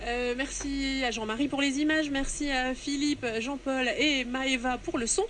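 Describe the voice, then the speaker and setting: A woman's voice: high-pitched, fairly even intonation, normal speed, a bit bright. Chatty woman reporter in a noisy echoing church. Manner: chatty, jokey, addressing viewers. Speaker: TV reporter presenting live. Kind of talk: live on-location reporting and interviewing. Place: inside a large church under renovation. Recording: noisy echoing church interior, construction din.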